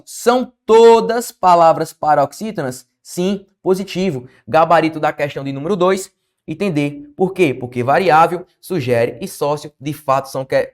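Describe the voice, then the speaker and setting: Brazilian man teaching grammar, high-pitched. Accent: Brazilian Portuguese. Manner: lively, questioning, answers his own questions. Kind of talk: online exam-prep grammar lesson.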